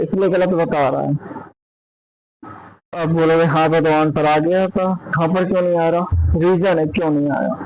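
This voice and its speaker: A man's voice: a little high, a little mellow, slight background noise, rough recording. Man teaching a spreadsheet lesson. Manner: explains step by step, asks the viewer questions. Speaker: Excel tutor. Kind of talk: screen-recorded software tutorial.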